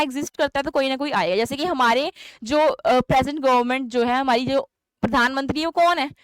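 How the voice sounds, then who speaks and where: A woman's voice: high voice, no echo. Chatty Indian woman teaching English. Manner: chatty, asks and answers her own questions. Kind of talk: exam-prep lesson.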